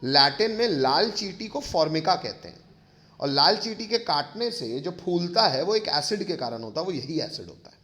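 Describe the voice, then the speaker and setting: A man teaches a chemistry lecture step by step, affectionately calling his pupils kids and often checking that they follow. His voice is on the high side and sing-song, at normal speed, with a bright, forceful tone.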